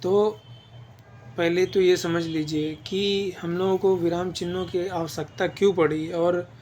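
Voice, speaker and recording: Higher-voiced man teaching an exam-prep lesson. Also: fairly even intonation, a little slow, a little mellow, a little hiss or hum. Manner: patient explaining with repeated check-ins.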